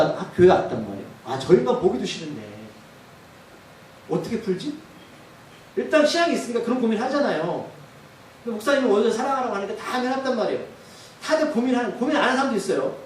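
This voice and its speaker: A male pastor with a high voice preaches a sermon in a church sanctuary, frequently posing questions to the congregation. The recording is distant and echoey in the church hall, with a little hiss or hum.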